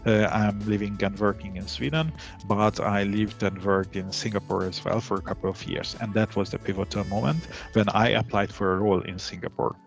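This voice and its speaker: Calm, halting middle-aged man. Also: fairly low pitch, vocal fry, faint music behind. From Hungary. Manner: halting, many fillers and restarts. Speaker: interview guest, data analytics head. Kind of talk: interview answers.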